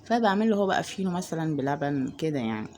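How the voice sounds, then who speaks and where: A woman's voice: deep voice, very animated, very fast, darkish tone. A woman with an Egyptian accent chatting casually to her viewers at home about her cats, rambling with lots of fillers. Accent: Egyptian Arabic. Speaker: cat vlogger.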